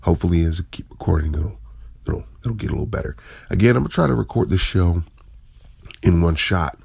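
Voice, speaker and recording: A man's voice: sits low, lively intonation, brisk, gravelly, a little mellow, slightly rough, no room sound, clean studio sound. A man hosting a casual solo podcast, sounding groggy and unwell, rambling informally and correcting himself as he goes. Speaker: podcast host.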